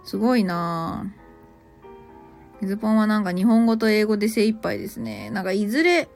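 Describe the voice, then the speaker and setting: A woman's voice: medium pitch, big pitch swings, normal speed, creaky, a little mellow, soft background music. A woman who teaches English at a cram school, chatting casually on a live stream and reacting to listener comments with small laughs.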